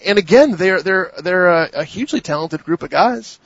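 A man's voice: sits high, animated, moderate pace, creaky, fairly bright tone, dry recording, dull audio. A man hosting a casual gaming podcast, hesitant and restarting his sentences often. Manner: hesitant, many restarts and fillers. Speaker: podcast host.

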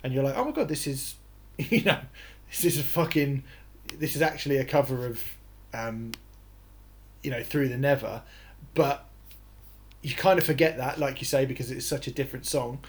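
A man co-hosting a music podcast, talking in a relaxed, rambling way with the odd swear. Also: mid-range voice, normal speed, long pauses. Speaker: podcast co-host. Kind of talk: casual music review chat.

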